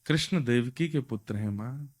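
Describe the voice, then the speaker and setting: A man's voice: mid-range voice, moderate pace, pitched below the performer's own voice, close to an everyday voice. A man voicing a grave elder messenger who hesitantly breaks hard news in a sung devotional story. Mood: sorrowful. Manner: hesitant, heavy-hearted.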